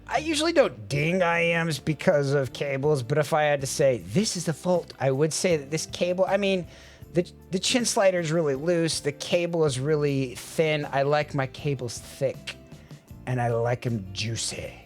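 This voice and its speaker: A man's voice: on the high side, lively intonation, moderate pace, soft background music. A man giving a casual, wry product review with frequent restarts. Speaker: audio gear reviewer.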